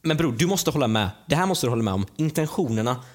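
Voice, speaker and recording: Young adult male co-host, casual chat, slangy, repetitive, defensive, medium-low pitch. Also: expressive. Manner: defensive and slangy, repeats himself, calls his partner bro. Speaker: podcast co-host.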